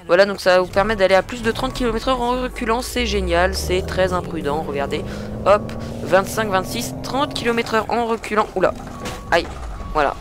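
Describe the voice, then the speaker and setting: Over music, a truck-simulator gameplay commentator chats casually into a headset mic in a mid-range voice at a moderate pace. He's hesitant and full of filler sounds, often grumbling at the other drivers in the truck-driving game.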